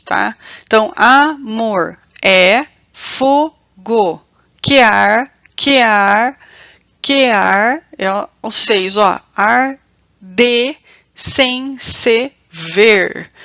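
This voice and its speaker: A Brazilian woman teacher with a fairly high voice explains a lesson at an easy pace. She keeps asking her students whether they follow. The sound is close and dry, with no room echo. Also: sharp tone. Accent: Brazilian Portuguese. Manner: explanatory, checks in with students often. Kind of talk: recorded online class.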